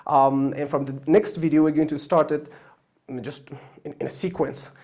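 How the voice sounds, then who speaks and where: An online Chinese course host from Afghanistan, speaking Persian and Pashto, describes his course plan unscripted at a moderate pace, his steady, middling-pitched voice a little mellow. He stumbles through fillers and restarts, and his pitch jumps up on the words he emphasizes.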